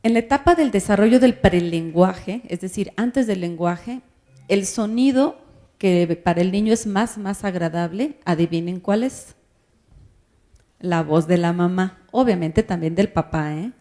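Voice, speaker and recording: A woman's voice: on the low side, a little slow, dark tone. A woman giving a lecture to parents, explaining things step by step and putting questions to her listeners. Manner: explanatory, asks the audience questions. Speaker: speaker on child language development.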